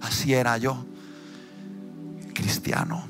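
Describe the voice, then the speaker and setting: Impassioned preacher over background music. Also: male voice, medium pitch, steady tone, slow, vocal fry. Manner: swings from quiet storytelling to loud, impassioned preaching. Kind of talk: emotional sermon testimony. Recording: music playing behind the voice.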